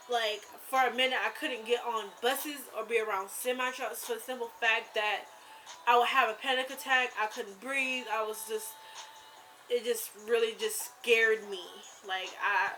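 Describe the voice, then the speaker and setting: A young woman vlogging, telling a scary story in a rambling, animated way with lots of fillers. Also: on the high side, low-quality recording. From rural US South. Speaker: YouTuber. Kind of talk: casual storytelling vlog.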